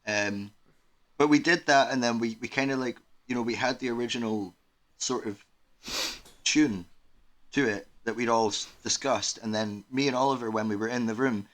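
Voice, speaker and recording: A man with a bright, forceful voice recalls recording sessions with his bandmates. He talks in a loose, animated way and swears freely in relaxed podcast chat. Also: medium pitch, normal speed. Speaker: band member, podcast host. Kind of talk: casual chat.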